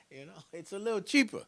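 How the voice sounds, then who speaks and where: A man's voice: high voice, expressive, normal speed, creaky. A man minister giving casual church announcements, chuckling and stopping often to fill with "you know". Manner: casual, chuckling, full of fillers.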